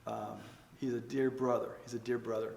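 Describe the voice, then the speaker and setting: Gravelly soft-spoken older pastor. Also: male voice, mid-range voice, little pitch movement. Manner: soft-spoken, gentle, halting with fillers. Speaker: pastor and host. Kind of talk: church conversation interview. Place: church. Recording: echoey room with faint noise.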